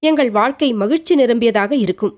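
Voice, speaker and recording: A lovesick young woman lies sick in bed and turns her doubts over and over in an anxious inner monologue, as a woman narrator reads her. Her voice sits fairly high. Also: a little fast, a little mellow, close to an everyday voice. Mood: brooding.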